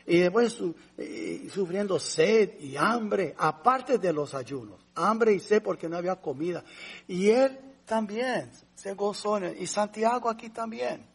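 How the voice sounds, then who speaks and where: A man's voice: sits high, expressive, measured pace, creaky, breathy edge. A man preaching a sermon in a conversational, emotional way, calling his listeners brothers and asking them rhetorical questions. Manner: asks rhetorical questions to the congregation; emotional, varied delivery. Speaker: pastor.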